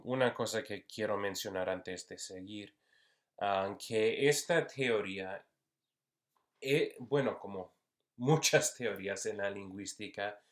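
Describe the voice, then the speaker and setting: A man giving an unscripted university lecture, slow and hesitant with many fillers. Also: fairly low pitch. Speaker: university Spanish instructor.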